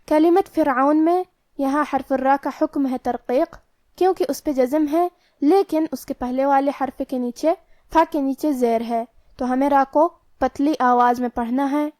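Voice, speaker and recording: A woman's voice: high voice, fairly even intonation, mellow, dry recording. A woman teaching Quran recitation rules, explaining each letter and its rule methodically, step by step. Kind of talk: tajweed lesson.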